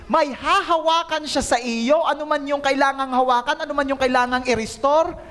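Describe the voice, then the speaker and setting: A man's voice: extremely high pitch, steady tone, normal speed, a bit bright. A male pastor giving an emphatic sermon, calling on the congregation to repeat after him and mixing Tagalog with English.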